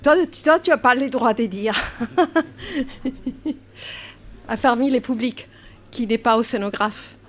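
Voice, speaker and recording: A woman's voice: on the high side, slow pace, pauses often. A woman from Italy, a native Italian speaker, giving a public science talk in a café event room, hesitant with many fillers and questions to the audience. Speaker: oceanographer speaker.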